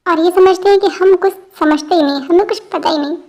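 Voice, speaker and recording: A woman's voice: very high-pitched, quick pace, warm tone, lo-fi sound, pitched above the performer's own voice. A woman voicing a jovial, fond middle-aged father.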